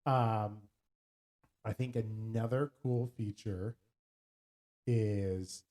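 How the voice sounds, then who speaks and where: A man's voice: fairly low pitch, extremely slow. A man co-hosting a podcast in casual, playful chat, putting on voices when he quotes things. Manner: playful, jokey, animated when quoting. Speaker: podcast co-host.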